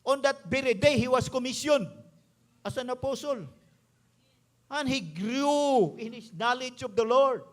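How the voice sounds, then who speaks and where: A man's voice: extremely high pitch, a little slow. A male pastor with a Visayan Filipino accent, preaching an emphatic sermon that moves between English and his local language.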